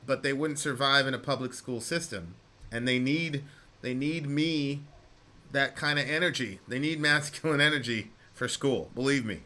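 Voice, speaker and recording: Forceful, bright-voiced male talk host. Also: mid-range voice. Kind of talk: opinionated conversational radio talk with a caller.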